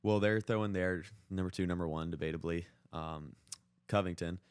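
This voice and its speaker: A young American guy co-hosting a podcast, telling sports stories in loose, slangy talk loaded with "like." His voice sits low and smooth, with a steady tone and a moderate pace. The recording is dry and studio quality.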